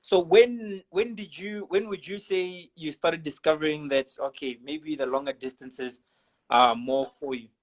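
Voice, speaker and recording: A man hosting a casual live video chat, relaxed and chatty, laughing often. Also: a little high, a little slow, rough recording. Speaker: host. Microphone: video call.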